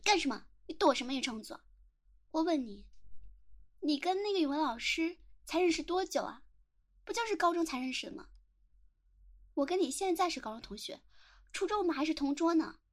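Audio role-play drama: young woman playing a possessive, contemptuous teen schoolgirl with a high voice, taunting, hurling nonstop abuse. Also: lively intonation, a little fast, pauses often. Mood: furious, abusive. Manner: sneering, taunting, bursts into relentless shouted insults. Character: jealous, domineering teenage girl classmate, contemptuous and possessive. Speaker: voice actor.

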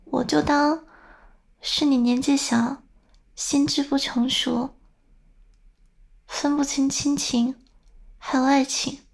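A high-pitched, slightly gravelly young older sister, voiced by a woman, in a whispered role-play. She is stern and doting, scolding close to the ear and then coaxing softly. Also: little pitch movement, slow pace, long pauses, heavily acted. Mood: angry.

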